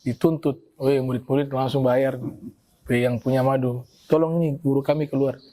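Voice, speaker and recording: A male preacher with a North Maluku Malay accent, telling religious stories in a lively, animated way and acting out the characters' speech. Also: fairly high pitch. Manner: animated storyteller, acts out quoted speech. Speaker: Islamic preacher. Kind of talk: storytelling religious talk.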